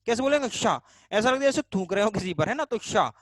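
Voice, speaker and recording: High-voiced Hindi teacher drilling terms. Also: male voice, lively intonation, very fast, no echo. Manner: asks the class questions and answers them himself; repeats key terms to drill them. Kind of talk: online Hindi grammar class.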